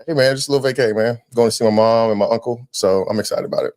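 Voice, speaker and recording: Fast-talking animated podcast host, man. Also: mid-range voice. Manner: animated storyteller, quick, slangy, says "man" a lot. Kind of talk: casual podcast chat.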